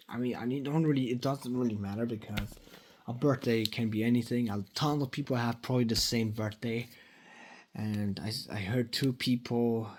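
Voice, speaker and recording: A man's voice: medium pitch, a little mellow. A man of twenty giving a casual, rambling vlog update, swearing freely and filling gaps with fillers and restarts. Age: 20s. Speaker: YouTuber. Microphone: phone.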